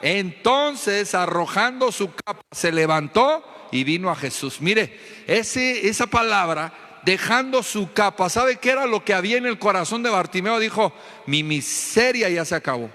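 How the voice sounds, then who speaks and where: A man's voice: high-pitched, expressive, moderate pace, bright, forceful tone. A Mexican man preaching a fervent sermon as pastor, often asking his congregation questions. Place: church hall. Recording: echoey church hall.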